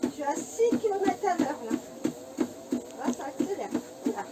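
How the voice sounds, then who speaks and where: A woman's voice: high-pitched, sing-song, moderate pace. A woman chatting casually while filming her home workout, out of breath and full of fillers. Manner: chatty, filmed mid-exercise, filler-heavy. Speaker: fitness vlogger. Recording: distant mic, noisy home room.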